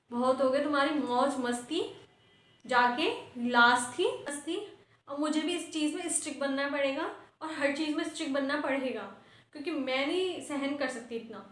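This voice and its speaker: Woman, high pitch, strict teacher in comedy sketch, scolding lecture, echoey room. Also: normal speed, a bit bright. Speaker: sketch performer playing a teacher.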